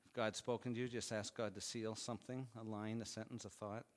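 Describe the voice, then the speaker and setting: A male pastor delivers a sermon in a fairly low voice. He is earnest and heartfelt, pressing hard on key lines, then letting his voice sink soft and quiet. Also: level tone, fairly quick.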